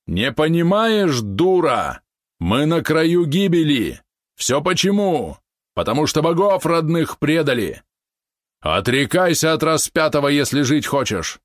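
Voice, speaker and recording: A man voicing an enraged middle-aged male merchant, hoarse and roaring in a storybook reading. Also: mid-range voice, big pitch swings, slow, a bit bright, no room sound, clean studio sound, pitched above the performer's own voice. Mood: furious.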